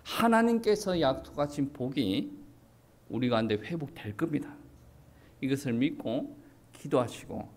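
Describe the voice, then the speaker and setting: A male pastor with a Gyeongsang Korean accent delivering an expository sermon, animated and playing out quoted asides. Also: medium pitch, a little slow.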